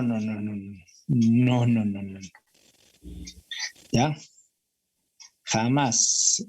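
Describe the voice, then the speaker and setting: A man with a Peruvian Spanish accent teaching an exam-prep grammar lesson in a classroom, repeating his points and checking in with students. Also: medium pitch. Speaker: language teacher.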